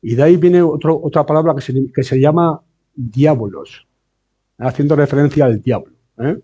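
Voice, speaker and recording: A man preaching a sermon, often asking rhetorical questions and slowing down to stress key words. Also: a little high, warm tone, slightly rough. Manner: rhetorical questions and tag checks like eh and no. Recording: dull lo-fi sound.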